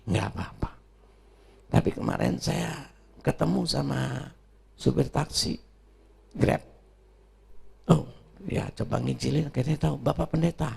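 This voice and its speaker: A middle-aged male pastor preaching a sermon with personal stories, swinging between quiet asides and loud, emphatic bursts. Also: medium pitch. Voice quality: gravelly and raspy.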